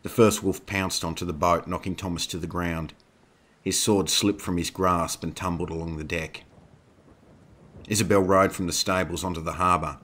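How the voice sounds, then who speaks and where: A man narrating a werewolf horror story in a steady, scripted reading. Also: low voice, moderate pace.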